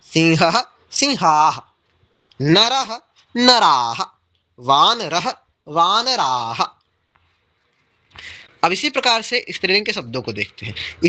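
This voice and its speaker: A man teaching an online Sanskrit class, reciting word pairs slowly and carefully, then explaining each meaning. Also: on the high side, pushed and bright.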